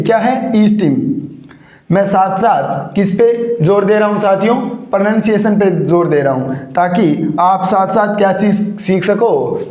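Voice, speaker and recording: A man with a high voice teaches an exam-prep vocabulary lesson. He keeps asking rhetorical questions and repeats every answer to drill it in. The sound is dull and lo-fi, recorded in an echoey room. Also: a little mellow. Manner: calls his students friends and companions.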